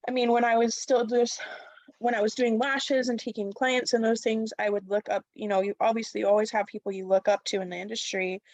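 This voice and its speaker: A woman's voice: fairly high pitch, flat delivery, a little fast. Bubbly, upbeat woman podcast host. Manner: bubbly, upbeat, filler-heavy with "like" and "um". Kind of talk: casual podcast chat.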